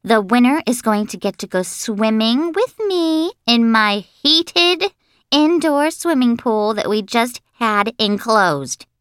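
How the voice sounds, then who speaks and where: A woman voicing a spoiled, boastful little rich girl in a children's audiobook, gushing and showing off with drawn-out words. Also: a little high, animated, a bit bright, clear, resonant tone, no echo, studio quality, voice pushed up. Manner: showy, drawn-out, gushing delivery.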